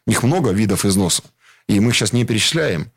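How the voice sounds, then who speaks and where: A middle-aged man, a company executive guest, explaining his product off the cuff with frequent drawn-out hesitations. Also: lowish voice, lively intonation, no echo, studio quality. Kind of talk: unscripted explanatory promotional talk.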